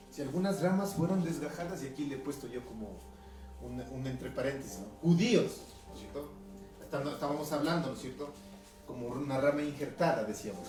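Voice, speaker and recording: Male Ecuadorian pastor, highland accent, conversational sermon, somewhat high voice, recorded off-mic in a reverberant hall. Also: warm tone. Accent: Ecuadorian highland Spanish. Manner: conversational preaching, reading scripture aloud, frequent tag questions. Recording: echoey room from a distance, music behind.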